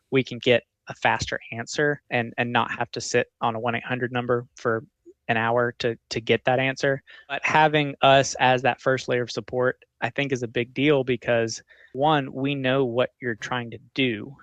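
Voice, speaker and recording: Male tech support guest, medium pitch, informal explainer, dry recording. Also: a bit bright, no room sound. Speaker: technical support manager, interview guest. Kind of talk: conversational technical explanation.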